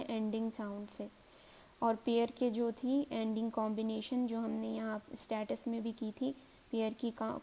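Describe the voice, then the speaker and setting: A woman teaching a grammar lesson as a recap, saying example words slowly three times over. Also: a little high, mellow, slight background noise.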